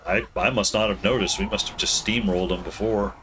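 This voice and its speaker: A man with a somewhat low voice talks his way through a game stream, half-mumbling and restarting his sentences. He sounds casual and unhurried at a desk mic. A faint hiss sits under the voice. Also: fairly even intonation, a bit bright. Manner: rambling, mumbling, self-correcting. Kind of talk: casual gameplay commentary.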